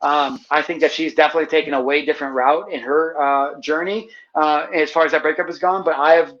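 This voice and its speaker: A man's voice: a little high, steady tone, a little fast, a bit bright, dull audio. A man as a podcast guest, telling a personal story in a passionate, heartfelt way with casual, slangy speech. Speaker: podcast guest, manifestation teacher. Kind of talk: emotional personal storytelling in conversation.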